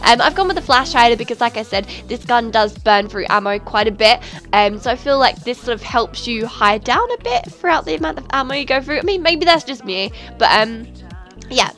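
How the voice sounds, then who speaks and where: A woman's voice: fairly high pitch, animated, a little fast, a bit bright. A woman hosting a casual, chatty video game tutorial, her nose stuffed up with a cold. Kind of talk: casual gaming tutorial commentary. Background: music.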